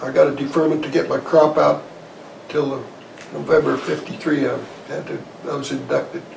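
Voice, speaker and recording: A man in his eighties, a Korean War veteran, remembers his life in plain, folksy, halting interview talk. His voice is gravelly, a little high, and level in tone. The recording, from a lavalier on his shirt as he sits in an armchair in a small living room, sounds roomy and distant with faint noise.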